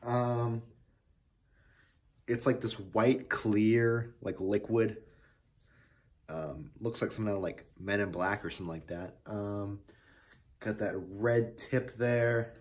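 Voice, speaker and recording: Excitable rambling man reviewing a soda. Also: fairly low pitch, slow pace, long pauses. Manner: rambling, excitable, many fillers and restarts. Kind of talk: casual product review to camera.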